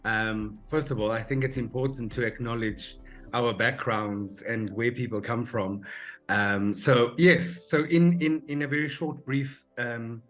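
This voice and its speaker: A South African man in his forties speaks at a middle pitch in a podcast interview. He talks in a measured, reflective way, often pausing on ums and uhs. Soft music plays faintly behind him. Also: fairly even intonation. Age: 40s. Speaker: corporate recruitment manager.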